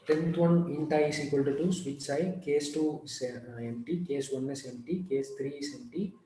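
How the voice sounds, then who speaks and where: An echoey recording with faint noise carries a man. He is a student reading quiz items aloud in a soft, dark tone. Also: a little high, steady tone, normal speed. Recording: echoey, faintly noisy call audio.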